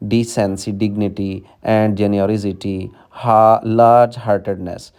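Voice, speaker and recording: A man teaching English in a bilingual lecture, reading the text slowly and explaining it in Urdu to his students. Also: on the low side, mellow, clean tone. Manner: reads English slowly word by word, then explains quickly in Urdu; addresses students directly as children.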